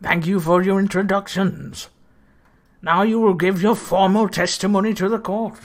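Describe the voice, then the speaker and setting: A woman voicing a stern courtroom judge with a formal, measured way of speaking. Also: medium pitch, fairly even intonation, close to an everyday voice. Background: game music.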